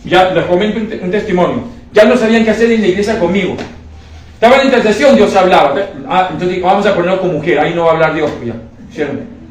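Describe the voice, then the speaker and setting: A man preaching a sermon in a church hall, telling stories with lively repetition of his words. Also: high-pitched, fast talker, slight background noise. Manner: animated storytelling with many repeated words. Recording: very echoey hall, voice far from mic.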